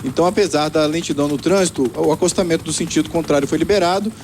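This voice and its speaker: Brazilian guy doing a live traffic report, talks real fast, bit high, faint noise behind. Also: a little mellow. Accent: Brazilian Portuguese. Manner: fast, conversational, many fillers. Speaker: field reporter.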